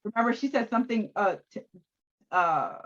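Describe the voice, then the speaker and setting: Woman, casual recap chat, animated, laughs a lot, dull lo-fi sound. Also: a little high, normal speed. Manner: animated, laughs often, acts out quotes. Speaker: podcast co-host.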